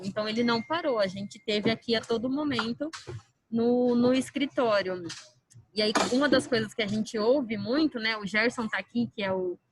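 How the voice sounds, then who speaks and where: A woman's voice: fairly high pitch, poor audio. A Brazilian woman giving explanatory remarks as a participant in an online work discussion. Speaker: company employee, roundtable participant.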